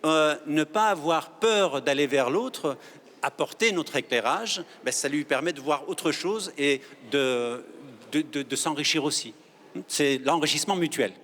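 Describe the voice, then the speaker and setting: A man speaking earnestly and reflectively as a guest in a studio debate, pausing often with fillers. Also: fairly high pitch, a bit bright. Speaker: guest panelist. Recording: reverberant studio hall.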